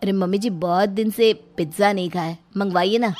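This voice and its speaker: A woman's voice: medium pitch, steady tone, brisk, a little mellow, slight background noise, natural voice. A woman voicing a lazy, greedy young son-in-law in a cartoon story, whiny and jokey. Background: faint background music.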